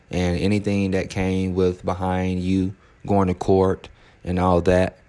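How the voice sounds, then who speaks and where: A man's voice: low voice, vocal fry, darkish tone. A man hosting a podcast in a casual solo monologue, emphatic and preachy, repeating phrases to drive a point home. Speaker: podcast host.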